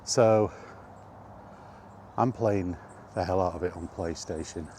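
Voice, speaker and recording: A middle-aged man speaks slowly in a low-pitched, dark voice, casually rambling about retro gaming on his personal vlog. His informal reminiscing comes with a little hiss or hum.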